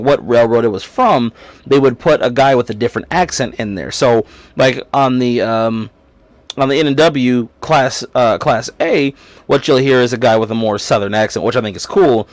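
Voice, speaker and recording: Here a livestream host talks at medium pitch and a normal speed in a dry recording. His manner is loose and rambling, with plenty of fillers and false starts as he reads out messages from the chat.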